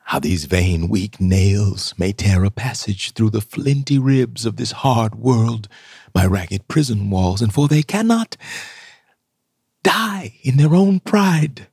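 Husky, brooding deposed king in prison. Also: medium pitch, darkish tone, no echo, clean studio sound, exaggerated voice. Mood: restless, bitter. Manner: halting, introspective, theatrical, breaking into sudden swells. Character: imprisoned deposed king, brooding, self-pitying, mentally unravelling. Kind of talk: Shakespearean verse soliloquy, radio play acting.

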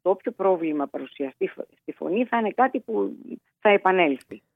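A woman psychologist giving measured advice as a podcast guest, pausing and restarting often, heard over a phone line. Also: mid-range voice, lively intonation, gravelly, dry recording. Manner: measured, explanatory, with frequent hesitations.

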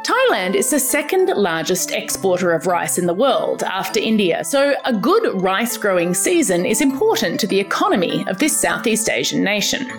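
A woman's voice: mid-range voice, big pitch swings, moderate pace, hardly any pauses, over music. A woman with an Australian accent, host of a children's podcast, giving an upbeat, scripted explainer aimed at young listeners. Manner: bright, upbeat storytelling. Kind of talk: scripted educational narration for children.

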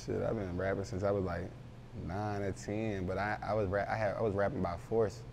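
Young man, very deep voice, monotone, mellow tone, rambling slang, faint rumble behind. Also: brisk, gravelly. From Baltimore, raised in Philadelphia. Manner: loose, rambling street slang. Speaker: rapper, interview guest. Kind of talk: casual interview talk.

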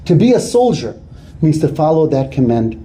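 A man giving an earnest sermon as a rabbi, weaving in a story told with lively quoted dialogue. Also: on the high side, moderate pace. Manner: earnest, builds to animated retelling of quoted dialogue.

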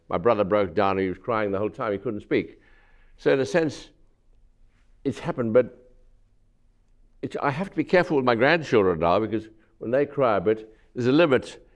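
Blunt older man, low voice. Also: brisk. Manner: blunt, matter-of-fact. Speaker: panel guest. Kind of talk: panel discussion.

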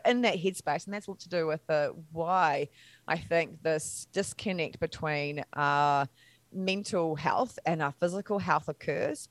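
A woman's voice: low-pitched, dry recording. A middle-aged woman from New Zealand, an interview guest telling her own story candidly, acting out quoted voices and laughing at herself.

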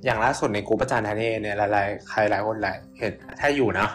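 A man talking casually as a podcast guest, halting with many restarts and mixing English terms into his speech. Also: on the low side, fairly even intonation, soft background music.

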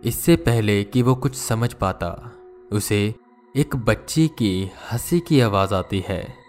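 Casting: a male horror story narrator with a low voice and an unhurried delivery. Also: a little mellow, soft background music.

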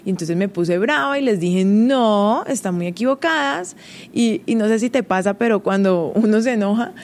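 A woman's voice: mid-range voice, fairly quick, a little mellow. A woman, hosting a casual, confiding monologue and laughing often as she talks. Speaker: host.

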